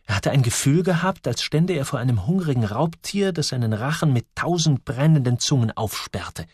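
Male storybook narrator, animated mid-range voice, dry close recording. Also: medium pitch, moderate pace, breathy edge, no echo. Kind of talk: audiobook narration.

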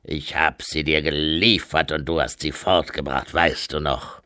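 A boastful, gruff old warrior called War, as an audiobook reader puts him on. The voice sits very deep and pushes with a hard, forceful edge. It is recorded dry and close. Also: male voice, fairly even intonation, measured pace, dry recording, full character voice. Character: War, ancient boisterous male warrior growing old. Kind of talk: audiobook character voice.

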